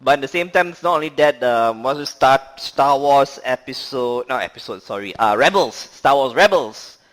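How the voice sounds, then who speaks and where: Man, mid pitch, laughs a lot, rambling fillers, casual film chat. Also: lively intonation, normal speed, a bit bright. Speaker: podcast co-host. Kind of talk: casual movie review chat.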